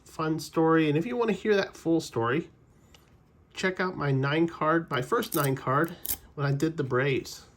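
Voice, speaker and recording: A man's voice: on the high side, a little slow. A man casually opening trading card packs on his channel, rambling through player trivia and correcting himself as he goes. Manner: chatty, rambling trivia asides with self-corrections. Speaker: card-collecting channel host. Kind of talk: casual pack-opening commentary.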